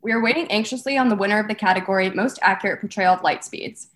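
A woman's voice: medium pitch, fast, a bit bright, lightly acted. A young woman playing a gushing red carpet host. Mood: upbeat. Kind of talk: scripted mock awards-show hosting.

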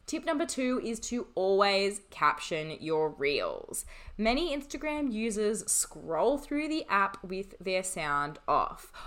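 A woman with an average-pitched voice presents scripted tips as a podcast host. Her delivery is upbeat and neatly organised, in the manner of an advice vlogger. Each point is clearly signposted and laid out in order. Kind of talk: scripted solo advice narration.

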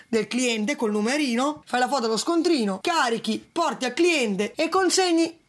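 A woman's voice: sits high, lively intonation, normal speed. A woman, a food delivery rider being interviewed, explains in casual, detailed, step-by-step conversation.

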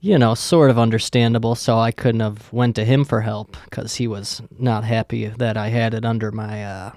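Hosting his own podcast, a young man rambles in a casual monologue, joking around and swearing plenty. His lowish, slightly mellow voice moves little in pitch and runs at normal speed, in a dry, studio-quality recording.

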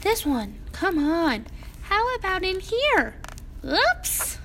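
A woman performs a plucky, excitable little pig from a children's storybook, and the acting is heavy. The voice is extremely high yet very slow, with playful, exclamatory lines that jump up and down, sounding excited and curious. A slight hiss or hum can be heard.

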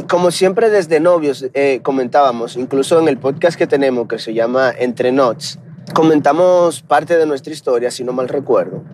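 A Dominican man hosts a motivational podcast, talking in an earnest, encouraging, conversational way. His voice is medium-pitched and a little mellow, with slight background noise.

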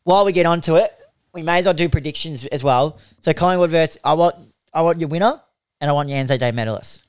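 A young Australian man with a smooth, clear and slightly high voice. He hosts a casual footy tipping podcast, ribbing his co-hosts in a laid-back way. The sound is close and dry, with no room in it. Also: fast, dry recording. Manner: teasing, laid-back banter. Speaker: podcast host.

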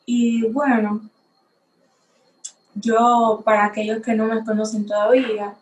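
A woman's voice: on the high side, little pitch movement, darkish tone, reverberant, poor audio. A nineteen-year-old woman from the Republic, hosting a podcast and giving a personal faith testimony in a reflective, slightly unsure way while facing a camera. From Dominican Republic. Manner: unhurried, reflective, a little unsure. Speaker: podcast host.

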